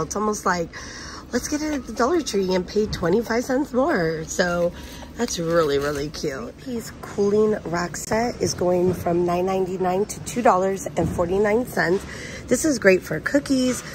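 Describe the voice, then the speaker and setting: In a discount supermarket aisle, a chatty shopping vlogger with a lowish voice narrates a casual shop-with-me video on her handheld phone camera, enthusiastic about bargains. She's an adult with a son, and store noise fills the background.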